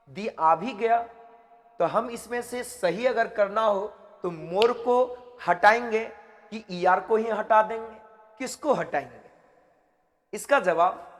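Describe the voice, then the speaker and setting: A man teaching English grammar for exam preparation, explaining each rule slowly and repeating key phrases several times. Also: high voice, long reverb tail. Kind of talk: exam-prep grammar lesson.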